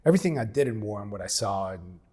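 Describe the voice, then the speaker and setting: A man's voice: on the low side, animated, quick pace, a little mellow, slightly rough. A man in his forties telling his story as an interview guest, frank and plain-spoken, often acting out past conversations. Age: 40s. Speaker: interview guest, former military operator.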